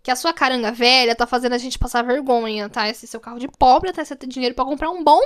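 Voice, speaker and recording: Brief: condescending, manipulative rich boss lady, played by a woman, high-pitched, Brazilian accent, sneering. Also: quick pace, clean tone, lightly acted. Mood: scornful. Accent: Brazilian Portuguese. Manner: mocking, condescending.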